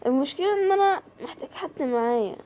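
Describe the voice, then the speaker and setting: High-voiced Egyptian woman gaming. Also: expressive, fast, muffled recording, slight background noise. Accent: Egyptian Arabic. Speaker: gaming creator. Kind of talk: horror game let's play commentary.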